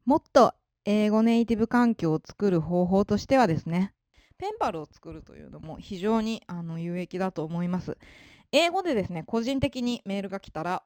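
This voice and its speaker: Lively-pitched woman giving study tips. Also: no echo, clean studio sound. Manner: polite, with frequent fillers and emphatic ですね. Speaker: English-learning advisor. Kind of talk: informal spoken lesson.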